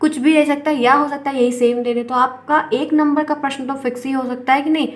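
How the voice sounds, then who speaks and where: A woman with an Indian accent teaches an exam-prep lesson, working through exam questions step by step and calling her viewers friends. Her voice sits high and steady, and she talks fairly quickly.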